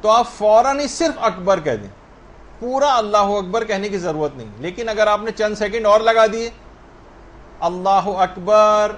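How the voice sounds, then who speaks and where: A man's voice: high voice, animated, a bit bright. A man giving a religious lesson on prayer rulings, explaining step by step and answering questions he raises himself. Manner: spells out correct pronunciation slowly. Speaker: religious teacher.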